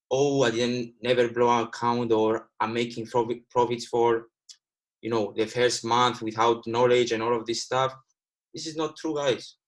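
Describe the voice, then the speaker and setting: In a low-quality recording, a medium-pitched man talks to livestream viewers as a guest trader. He's from Cyprus, in his twenties, with Greek as his first language, and he addresses the audience as "guys," earnest and casual, repeating points.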